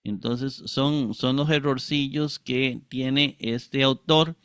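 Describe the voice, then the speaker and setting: A man's voice: medium pitch, steady tone, fairly bright tone, no echo, clean studio sound. A man teaching Greek Bible exegesis, reading from ancient manuscripts, carefully spelling out words and often asking for agreement. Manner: slow, deliberate, spells out Greek words syllable by syllable; frequent tag questions and throat clearing.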